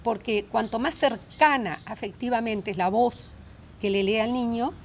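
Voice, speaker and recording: A woman's voice: fairly high pitch, normal speed, gravelly, slight background noise. A woman co-hosting a storytelling show, talking in an emphatic way and often finishing her partner's sentences. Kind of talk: casual studio chat.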